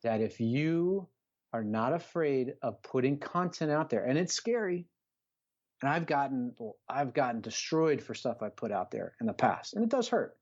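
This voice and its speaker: A medium-pitched, expressive and somewhat mellow male voice moves at normal speed through dull-sounding audio. The middle-aged man is a coach guesting on a podcast, speaking in an earnest, emphatic, conversational motivational style that repeats phrases and asks rhetorical questions.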